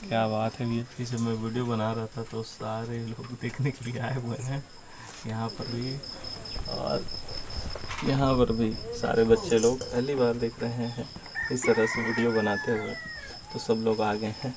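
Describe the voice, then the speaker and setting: A man's voice: mid-range voice, level tone. A young man, vlogging outdoors in a village. He chats with a curious, easygoing manner, recorded on a handheld phone with faint outdoor noise behind him. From Chhattisgarh, India. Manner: chatty, curious, asks quick questions. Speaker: travel vlogger. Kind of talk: casual walking vlog with interviews. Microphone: phone camera held at arm's length.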